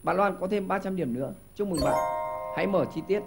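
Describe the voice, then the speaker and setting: A man hosting a TV quiz show in a studio, giving lively hints and often stumbling over repeated words. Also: high voice, a little fast, vocal fry, over music. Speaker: game show host.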